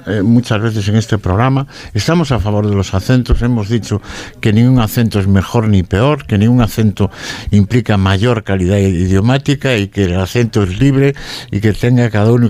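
A man's voice: fairly low pitch, darkish tone, no room sound. An older man with a Galician accent, talking as a radio contributor on a remote line, often repeating words as he thinks aloud. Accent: Galician Spanish. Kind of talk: radio talk segment.

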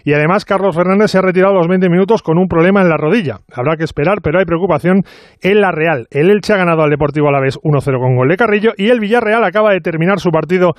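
A man with a Castilian Spanish accent hosting sports radio, delivering brisk news round-ups and chat. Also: sits high, no room sound.

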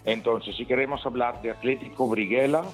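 A man's voice: medium pitch, steady tone, a little fast, faint music behind. A man with an Italian accent giving interview answers in a language that is not his own, hesitant and often searching for words. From Italy, Bergamo area. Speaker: member of an amateur football club, interview guest. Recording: tinny narrow phone-like line.

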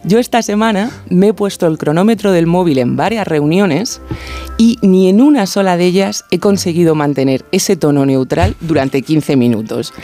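A man's voice: high voice, mellow. A man giving a didactic explanatory segment as a radio contributor, talking in carefully paced explanations. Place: radio studio.

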